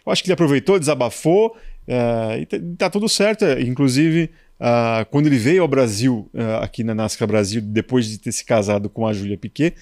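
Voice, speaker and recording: A man's voice: medium pitch, fairly quick, few pauses, darkish tone, no room sound, clean studio sound. A man from Brazil, a motorsport journalist, telling anecdotes in casual conversation with colloquial asides.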